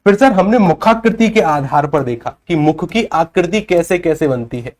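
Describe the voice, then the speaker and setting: A male teacher with a somewhat higher voice, lecturing a class on grammar. He asks a question and answers it himself, over and over. He stops often to check that the class is keeping up. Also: a little mellow.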